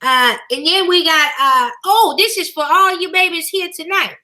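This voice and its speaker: A woman doing a church mother voice, folksy drawl, high, very bright, calls everyone baby. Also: normal speed. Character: folksy older church mother reading announcements. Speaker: host. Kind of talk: live stream chat.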